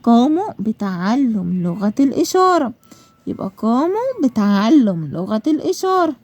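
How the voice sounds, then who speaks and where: High-voiced Egyptian woman teaching a lesson. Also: big pitch swings, normal speed, a little mellow, dry recording. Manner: asks and answers her own questions, stretching out example words. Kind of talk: school lesson explanation.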